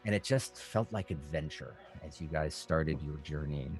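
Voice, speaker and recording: A man running a tabletop game as game master, narrating haltingly with many ums and restarts. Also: a bass voice, faint music behind.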